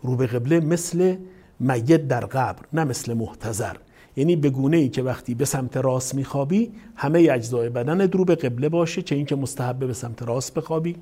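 A man's voice: medium pitch, slightly rough. A male cleric delivering a sermon, telling a dream story and acting out the people in it. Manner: animated storytelling, voicing quoted people. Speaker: caravan cleric.

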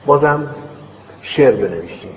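Man lecturing slowly in an echoey hall. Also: medium pitch, animated. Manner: dictates terms slowly, then explains with quick everyday examples. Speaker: teacher. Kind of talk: classroom lecture on logic. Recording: echoey, dull hall recording with faint hiss.

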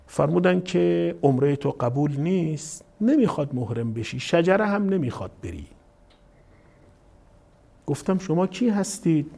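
A man's voice: fairly high pitch, vocal fry. A male cleric delivering a sermon, telling a dream story and acting out the people in it. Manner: animated storytelling, voicing quoted people. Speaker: caravan cleric.

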